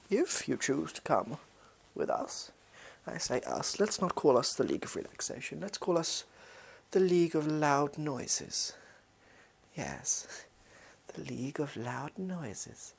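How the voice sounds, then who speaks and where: A performer plays a shady, pompous villain in a fake posh English voice, improvised as role-play. The voice is husky and creaky, with lively swings in pitch. The phrasing is fussy, evasive and halting, as if every word is being carefully picked. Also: heavily acted. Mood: awkwardly hospitable. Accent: posh English, put on.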